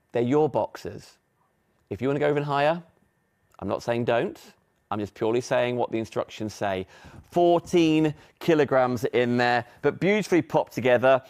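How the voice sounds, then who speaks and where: A British man presenting a live shopping show in chatty, upbeat sales patter, a little out of breath. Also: mid-range voice. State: slightly out of breath.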